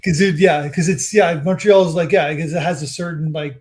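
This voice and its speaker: Guy hosting a podcast, kinda high voice, rambles and hunts for words. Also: steady tone, brisk, a little mellow, echoey room, a little hiss or hum. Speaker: podcast host. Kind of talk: casual interview.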